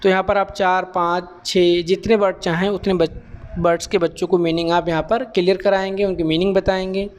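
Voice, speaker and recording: A high-pitched man walks trainee teachers through a lesson plan. He mixes Hindi with terms. He reads the sample questions and answers slowly and deliberately. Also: level tone, slight background noise. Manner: reads English sample lines slowly, then explains in Hindi mixed with English. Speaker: teacher educator.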